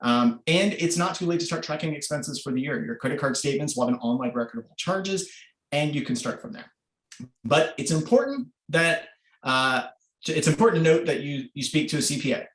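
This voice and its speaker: A man's voice: a little high, lively intonation, brisk, a bit bright. A man presenting an online workshop, explaining informally with many filler sounds over a video call. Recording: roomy echo.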